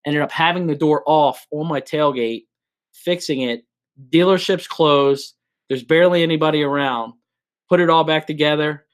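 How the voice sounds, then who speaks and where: A man's voice: a little high, normal speed. A man hosting a live show, chatting casually and telling work stories with many restarts. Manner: storytelling, relaxed, lots of restarts. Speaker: host.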